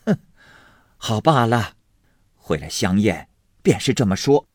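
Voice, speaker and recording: A man's voice: fairly low pitch, very animated, measured pace, breathy edge, no echo, clean studio sound, full character voice. A man doing a mocking older servant woman. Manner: sarcastic, needling.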